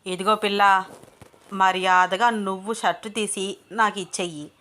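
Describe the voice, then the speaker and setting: A woman's voice: medium pitch, fairly even intonation, a little slow, pushed and bright. A woman voicing a crude, threatening male rowdy in a storybook reading, with coarse, bullying speech. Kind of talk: storybook character voice.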